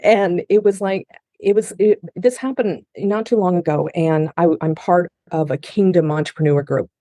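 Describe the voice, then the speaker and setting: This middle-aged woman, who grew up in Japan and uses English as a second language, tells her life story earnestly on a podcast as an interview guest, restarting often. Her voice is fairly low and warm, with fairly even intonation at normal speed. The studio sound is clean, without echo.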